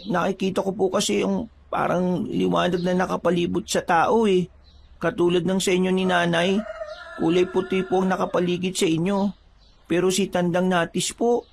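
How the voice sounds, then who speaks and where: A man's voice: high voice, little pitch movement, moderate pace, gravelly, a little hiss or hum, pitched above the performer's own voice. A man voicing a timid, sensitive young village boy who speaks politely and respectfully.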